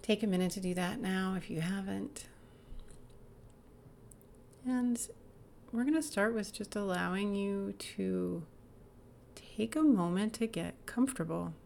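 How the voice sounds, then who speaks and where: Female instructor, unhurried and calm, slightly raspy fry, soft guided-meditation delivery. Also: medium pitch, slight background noise. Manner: calm, gentle, inviting, drifts into soft whispers. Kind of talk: slow guided body-awareness meditation.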